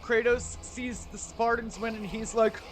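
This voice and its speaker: A man's voice: sits high, measured pace, music in the background. A man streaming a game, chatting loosely with his viewers and swearing casually as he sets up battles. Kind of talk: casual gameplay commentary.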